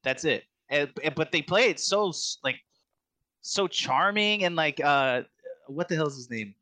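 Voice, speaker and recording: A man co-hosting a podcast, talking about a film in an enthusiastic, halting way with many restarts. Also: a little high, pushed and bright, dry recording. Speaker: podcast co-host. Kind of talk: casual movie review chat.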